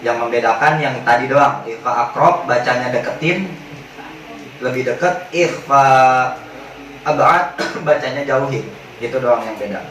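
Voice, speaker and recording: Slow, joking teacher in an echoey hall. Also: male voice, medium pitch, a bit bright, a little hiss or hum. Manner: joking, slangy, drawn-out recitation examples. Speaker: Quran recitation teacher. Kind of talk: casual teaching with chanted examples. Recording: very echoey hall, mic at a distance.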